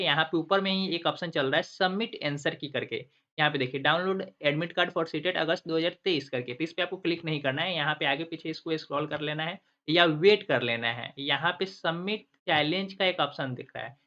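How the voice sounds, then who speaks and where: In a dull, lo-fi screen recording, a man whose voice is a little high and sharp teaches an online class as the channel host. He explains the tutorial step by step, asking and answering his own questions and repeating answers the way a teacher would.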